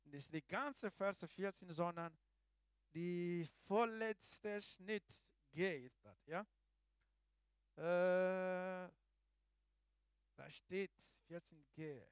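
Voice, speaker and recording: A man preaching a sermon in a halting way, swinging between hushed asides and loud exclamations. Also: sits high, smooth, no echo, studio quality.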